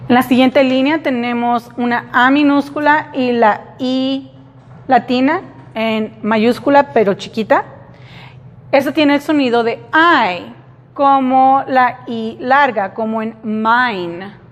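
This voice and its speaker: A woman teaching an English class slowly, repeating example words for her students. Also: high-pitched, dull audio. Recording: reverberant classroom.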